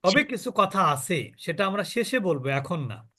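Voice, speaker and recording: Man, recitation teacher, high voice, slow drawn-out example words, quick explanations, dry close sound. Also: sing-song, sharp tone, no echo. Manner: stretches model words very slowly, then explains quickly. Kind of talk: call-and-response recitation lesson.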